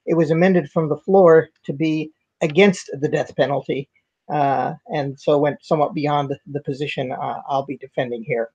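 Older man, roundtable guest, hesitant with many fillers, slightly high voice, dull lo-fi call audio. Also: fairly even intonation, normal speed, a little mellow, breathy edge. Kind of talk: casual discussion. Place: wood-panelled home room. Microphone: headset mic on a video call.

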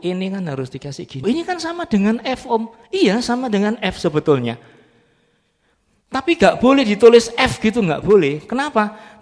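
A man teaching a music class, quizzing students on letter names and solfege. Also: a little high. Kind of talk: live music training class. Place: church training room. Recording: long reverb in a hall.

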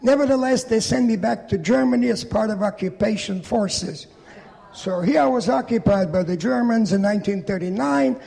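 A man's voice: high voice, moderate pace, creaky, mellow. A man in his eighties from Poland giving a public speech in a large event hall, telling his story plainly with dry humor. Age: 80s. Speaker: Holocaust survivor and veteran speaker.

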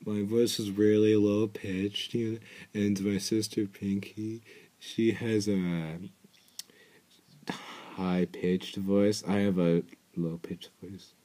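Low-pitched and dark, his voice holds a level tone while he takes things slowly. The young adult sits in a small bedroom with an earbud mic, riffing and joking through a cartoon reaction, mumbling asides and swearing.

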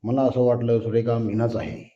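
A man's voice: mid-range voice, little pitch movement, moderate pace, lightly acted. A man voicing a nervous young husband who apologizes sheepishly and pleads. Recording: roomy, dull lo-fi recording.

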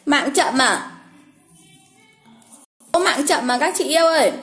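High-voiced chatty woman livestream host. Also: expressive, unhurried, a bit bright, soft background music. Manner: chatty, repeats names over and over, frequent exclamations. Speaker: livestream host drawing giveaway winners. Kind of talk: casual livestream chat. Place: at home.

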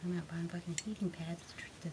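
A woman's voice: on the low side, fairly even intonation, quick pace, noisy background. A woman in her thirties, a mother getting dressed in her bedroom closet, complaining and swearing while her child films her on a handheld camera. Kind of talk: casual home video chat. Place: small bedroom closet at home, indoors. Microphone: handheld camera filmed by her child.

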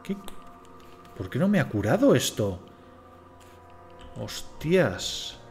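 A man's voice: mid-range voice, big pitch swings, slow pace, a little mellow, soft background music. A man from Spain, swearing and talking to himself as he streams a game. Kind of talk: casual live gameplay commentary.

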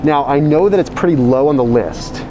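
Masked man with lively, swooping pitch. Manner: animated, reads out ingredient lists with quick asides. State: talking through a face mask. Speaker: vlogger reviewing food. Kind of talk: casual walkthrough vlog. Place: supermarket frozen food aisle, indoors. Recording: noisy store background.

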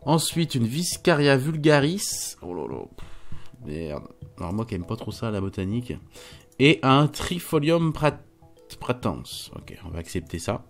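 Man, gaming commentary, chatty, mid pitch, stumbling, light swearing, faint music behind. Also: big pitch swings, measured pace. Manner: chatty, stumbling, swears lightly, reads game text aloud. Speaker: gaming YouTuber. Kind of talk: casual let's-play commentary.

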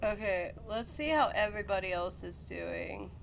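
A woman streaming a game, talking casually and excitably to friends. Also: medium pitch, normal speed, vocal fry, slight background noise, poor audio. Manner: excitable, swings to loud yelling. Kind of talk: casual gameplay chat.

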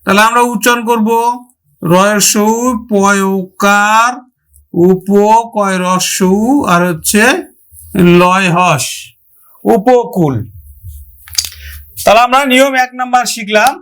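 A man's voice: high voice, slow, long pauses, fairly bright tone. A male teacher giving a grammar lesson, addressing students with questions and sounding out example words syllable by syllable.

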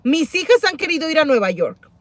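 Fairly quick and recorded with no echo, a middle-aged woman chats on her couponing livestream. She reads viewer comments aloud, exclaiming and repeating herself in an animated voice that gets high and loud.

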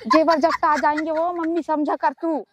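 A woman's voice: high voice, level tone, normal speed, very noisy. A woman in a comedy sketch, chatting on the phone and bickering and scolding.

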